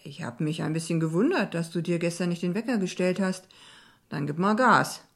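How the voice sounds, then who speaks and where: An easygoing young man, read by a woman, calm and gently teasing, helpful and unhurried. He sounds like a partner from an audiobook story. His voice sits a little low.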